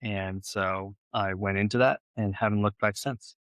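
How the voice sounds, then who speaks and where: A podcast guest who was born in Ukraine and grew up in Los Angeles, now a real estate investor and former Navy officer, answers questions in a conversational way. His voice is lowish, a bit bright, and steady in tone at normal speed, recorded dry.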